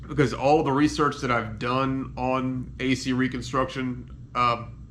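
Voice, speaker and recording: Speaking slowly in halting phrases that often trail off, a patient gives a casual, unscripted video-diary update on his recovery. He's hurting after surgery, on painkillers, and congested from a head cold and sinus trouble, his voice medium-pitched and a bit bright, with faint noise in the background.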